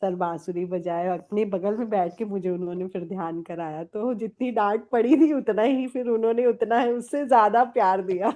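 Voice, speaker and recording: Woman, Kolkata, interview guest: warm, mellow tone, candid storyteller who laughs readily. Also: medium pitch, normal speed, hardly any pauses. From Kolkata, India. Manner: candid storytelling, mixing English words into Hindi, laughs often. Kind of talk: personal testimony in conversation.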